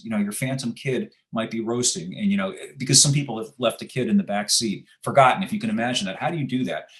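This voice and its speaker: An American man, a guest in an interview, talking in a sardonic, emphatic storytelling way. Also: fairly low pitch. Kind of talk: casual interview talk.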